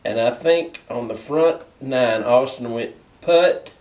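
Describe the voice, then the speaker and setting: A man's voice: medium pitch, takes it slowly, darkish tone. An older man with an Appalachian Southern accent, reminiscing casually in folksy, colloquial speech. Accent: Appalachian Southern American. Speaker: storyteller sharing family memories. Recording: distant mic with clear background noise.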